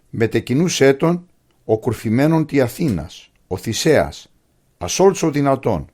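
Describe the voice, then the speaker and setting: A man's voice: mid-range voice, a little mellow, close to an everyday voice. A man playing the heroic leader Jason in a cartoon, recounting the voyage in Pontic Greek-accented, solemn storybook narration. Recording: voice over continuous music.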